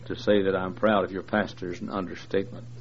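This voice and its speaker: This man, in his sixties, speaks fast in a low-pitched voice that barely moves in pitch. As a guest preacher in a large church, he jokes in a folksy way with the congregation, using many fillers. Recording quality is dull and lo-fi, with faint noise.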